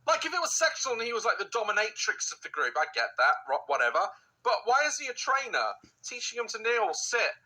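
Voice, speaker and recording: A woman's voice: a little high, very animated, a little fast, pushed and bright, low-quality recording. A woman hosting a casual reaction video, blunt and swearing freely, laughing often at what she watches.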